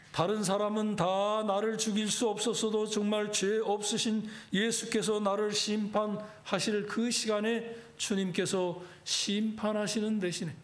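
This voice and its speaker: Male pastor, middle-aged, high-pitched, dramatic sermon storytelling. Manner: dramatic storytelling, acting out biblical dialogue.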